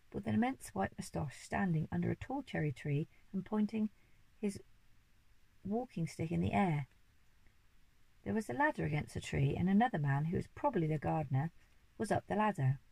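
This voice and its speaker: A woman reading a children's storybook aloud in an expressive, lively way. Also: fairly low pitch, moderate pace, vocal fry, breathy edge, no room sound, poor audio. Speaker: reader.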